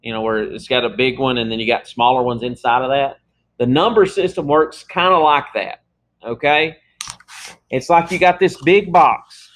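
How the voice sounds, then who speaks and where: In a casual, conversational math lecture, a man talks through examples and checks in often with students with frequent "okay?" prompts. His voice is medium-pitched and fairly bright, at normal speed.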